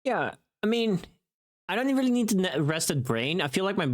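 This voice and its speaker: Worn out from recording for a long time, this streamer still sounds very animated and brisk in a mid-range voice. The chat is casual, rambling and a bit sweary, delivered close to the mic.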